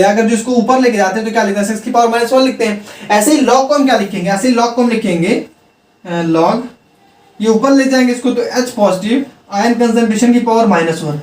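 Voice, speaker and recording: A man's voice: sits high, a little fast, a little mellow. A male teacher giving a chemistry lecture, repeating key terms and asking and answering his own questions. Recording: roomy sound from a distant mic.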